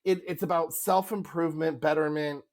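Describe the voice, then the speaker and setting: A woman's voice: deep voice, steady tone, moderate pace, a little mellow. A middle-aged woman co-hosting a podcast in casual chat, laughing often and telling stories with animation. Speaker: podcast co-host.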